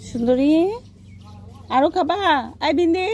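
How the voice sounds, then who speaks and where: A woman vlogger with a hoarse voice, calling and coaxing an animal in a sing-song way while talking to her viewers. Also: high voice, measured pace, darkish tone. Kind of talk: casual vlog talk to an animal and viewers.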